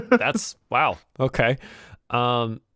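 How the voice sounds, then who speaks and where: A man runs a tabletop game as game master. His medium-pitched narration is improvised and descriptive, with a halting, conversational flow. The sound is dry, with little room to it. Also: sing-song, creaky, a bit bright, dry recording.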